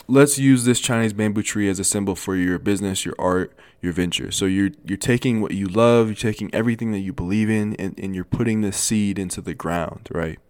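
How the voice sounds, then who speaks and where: A man in his twenties telling a motivational story in a casual, animated way, with many restarts and repeated phrases. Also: lowish voice, fairly quick, hardly any pauses, dry recording. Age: 20s. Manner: animated, repetitive, lots of restarts. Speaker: motivational vlogger.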